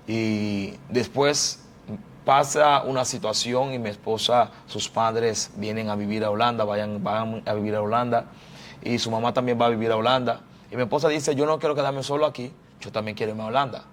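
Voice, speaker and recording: A man's voice: medium pitch, a little hiss or hum. A man from the Dominican Republic telling his life story as a prophet and pastor in a church interview, fervent and repeating phrases like a preacher.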